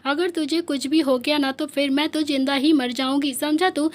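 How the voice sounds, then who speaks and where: A woman's voice: sits high, fairly even intonation, normal speed, natural voice. A woman reading as an anxious scolding mother. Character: worried devoted middle-aged mother.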